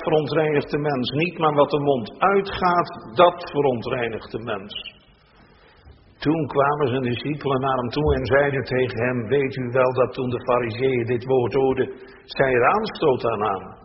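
A man reads scripture from the pulpit in a slow, weighty cadence. His emphasis climbs on key phrases, and his voice rings through a long church reverb. The recording is dull and slightly muffled, with faint background noise. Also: mid-range voice. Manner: slow, solemn reading with rising emphasis. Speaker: pastor. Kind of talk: scripture reading in a church service.

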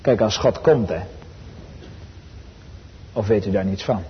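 Dutch preacher guy, slow earnest sermon, echoey church, kinda muffled. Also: fairly low pitch. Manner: earnest, rising in fervor, slow emphatic quotes. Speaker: pastor. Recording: dull sound with long church reverb.

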